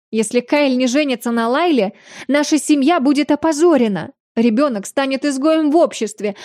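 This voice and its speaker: A woman's voice: high voice, a little mellow, dry recording, clean studio sound, pitched above the performer's own voice. A woman doing a shrieking furious noblewoman. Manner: shrieking, indignant, out of breath. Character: shrill, furious stout noblewoman, mother.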